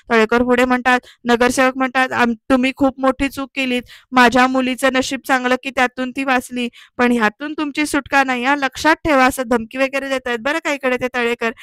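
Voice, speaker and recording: High, smooth-voiced woman recapping a serial. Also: a bit bright, dry recording. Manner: chatty, keeps addressing viewers and retelling dialogue. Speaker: serial review narrator.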